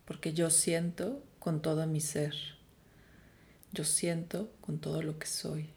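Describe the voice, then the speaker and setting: A woman leads a breathing meditation in a slow, soft voice that often falls to a whisper. Her voice sits low and has a gravelly edge. She leaves long, unhurried pauses between her calm instructions. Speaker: meditation guide.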